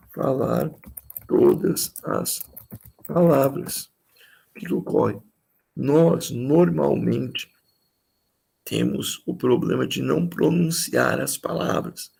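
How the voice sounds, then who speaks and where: Man, pastor, very gravelly voice, teaching in a chatty way, repeats his points. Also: mid-range voice, a little mellow, low-quality recording. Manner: conversational, repeats key phrases for emphasis. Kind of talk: teaching tips on preaching. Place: live-streamed church talk.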